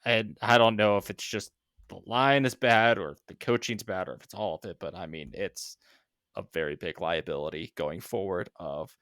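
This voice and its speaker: A man's voice: deep voice, moderate pace, a bit bright, clear, resonant tone, dry recording, studio quality. A man co-hosting a casual sports podcast, rambling through his points with lots of fillers and a sarcastic edge. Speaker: podcast co-host.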